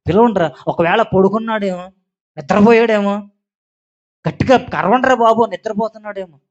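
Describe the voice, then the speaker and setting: A man's voice: high voice, animated, brisk, a bit bright, lo-fi sound. A preacher acting out a mocking young male prophet who taunts his rivals with sarcastic jeers. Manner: sarcastic, jeering.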